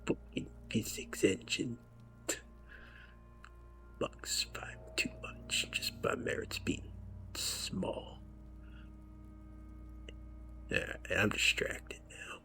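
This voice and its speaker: A man giving game commentary in hushed, wry asides. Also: takes it slowly, in a whisper. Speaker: let's-play commentator.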